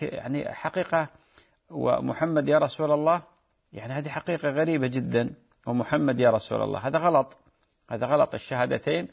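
Fast-talking gravelly preacher. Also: male voice, mid-range voice. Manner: earnest, exhorting, reads out questions then rules firmly. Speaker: preacher answering viewer questions. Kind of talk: religious advice and fatwa answers.

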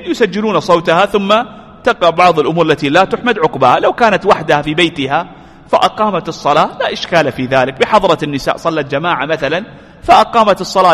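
A man's voice: high voice, fairly bright tone, long reverb tail. A man giving a religious lesson. He poses rhetorical questions, answers them himself, repeats key phrases for emphasis and blesses his listeners often. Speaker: religious teacher.

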